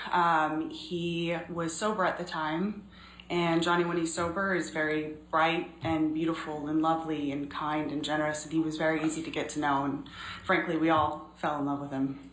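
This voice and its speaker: A woman in her thirties giving measured, earnest courtroom testimony as a witness, pausing often. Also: low voice, level tone, a bit bright. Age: 30s. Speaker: trial witness. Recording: echoey courtroom recording, faint noise.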